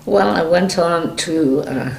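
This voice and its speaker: A woman's voice: lowish voice, slow pace, creaky. An elderly woman recalling her youth in a plain, matter-of-fact way during an oral history interview. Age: 70s or older. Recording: echoey room with faint noise.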